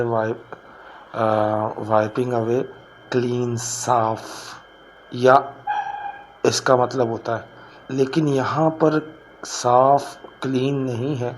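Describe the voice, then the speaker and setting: A man, explaining an English poem line by line as a teacher. He reads each line slowly, then explains it at a quicker pace. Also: mid-range voice, slight background noise, rough recording. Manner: switches between slow recitation and quick explanation.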